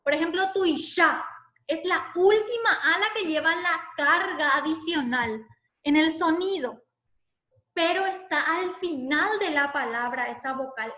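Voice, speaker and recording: Slow, patient woman teacher, echoey room. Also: high-pitched, fairly bright tone. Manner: patient, explains step by step. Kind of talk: online class explanation.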